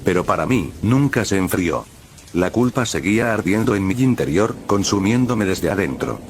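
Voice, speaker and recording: A man narrating a first-person horror story in a grave, measured way. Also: sits low, expressive, a little hiss or hum.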